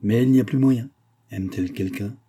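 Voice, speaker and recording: A man's voice: lowish voice, fairly quick, dark tone, breathy edge. A man reading as a grave, blunt old doctor. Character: grave older male doctor, blunt but calm.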